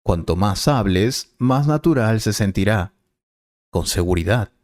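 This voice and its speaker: A man as a Spanish teacher, explaining clearly and patiently in a scripted lesson dialogue. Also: lowish voice, expressive, a little slow, a little mellow, no echo, clean studio sound.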